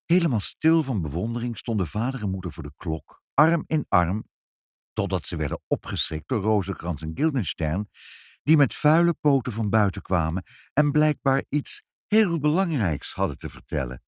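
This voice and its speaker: Male reader, storybook narration, very animated, dry close sound. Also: lowish voice, normal speed, no room sound. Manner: expressive, playful. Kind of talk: children's story reading.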